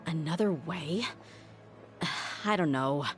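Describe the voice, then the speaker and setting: A woman's voice: low voice, slow. An actress playing a stern, determined young woman investigator in a video game, blunt and commanding. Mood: frustrated, hurt. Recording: music under the voice.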